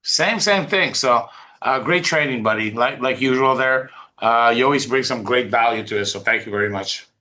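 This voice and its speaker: A man with a mid-range voice hosts an online team call, giving an unscripted motivational talk at normal speed. His tone is bright and forceful, and he speaks insistently, repeating points and checking that everyone is following.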